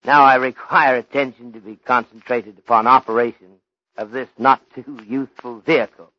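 An actor playing a courteous, stern Chinese police detective in an old radio drama, speaking in deliberate, ornate English with articles dropped. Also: male voice, medium pitch, fairly even intonation, no room sound, natural voice. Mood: firm, instructive. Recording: dull lo-fi old radio recording.

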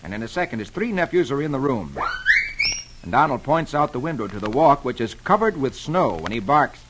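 A man hosting an old radio show, reading comics aloud in a lively, animated storytelling manner, in a noisy old broadcast recording. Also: mid-range voice, a little fast.

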